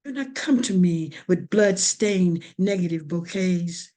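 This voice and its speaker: A woman poet reciting her spoken word pieces slowly and deliberately over a video call. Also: lowish voice, animated, dark tone. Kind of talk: spoken word poetry reading.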